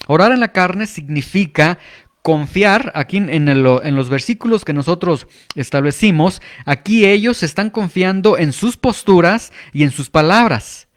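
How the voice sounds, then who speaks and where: A man preaching a teaching sermon, explaining calmly with frequent filler pauses. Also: sits high.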